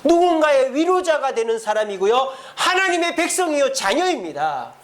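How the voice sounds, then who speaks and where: A man's voice: very high-pitched, sing-song, moderate pace, fairly bright tone. A man preaching a Sunday sermon as pastor, speaking directly to his congregation with many rhetorical questions. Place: church sanctuary.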